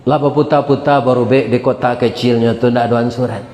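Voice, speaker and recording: A male preacher tells a story with animation and feeling, his voice sitting at an ordinary middle pitch. The sound booms around a large hall and lingers in a long reverb. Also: fairly quick. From West Sumatra. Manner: animated, emotional storytelling with laughter. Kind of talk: storytelling sermon.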